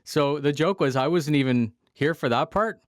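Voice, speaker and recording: A man's voice: on the high side, normal speed, no room sound, clean studio sound. A man guesting on a casual podcast, talking bluntly, laughing and swearing now and then. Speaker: guest content creator. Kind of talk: casual chat.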